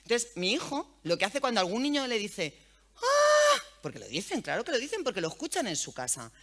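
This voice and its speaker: Blunt, lively Spanish woman. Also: medium pitch, fast. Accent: Spain. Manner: blunt, outspoken, earthy. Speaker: radio journalist, interview guest. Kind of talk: frank conversational interview. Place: event panel.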